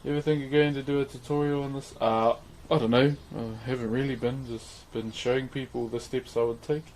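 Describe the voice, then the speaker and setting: A man's voice: mid-range voice, fairly even intonation, fairly quick, darkish tone, a little hiss or hum, poor audio. A man with a broad New Zealand accent chatting casually on a livestream in a laid-back, matey, slangy way. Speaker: livestream host.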